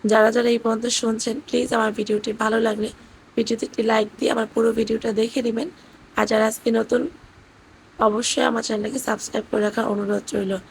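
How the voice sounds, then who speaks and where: A hoarse woman narrates her family vlog in an even, flat tone. Her worn voice has a gravelly, cracking edge, and faint noise sits under the recording. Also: a little high, quick pace, poor audio. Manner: gentle storytelling with fillers. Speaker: vlogger narrating family trip. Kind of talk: voice-over narration. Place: indoors at her parents' house.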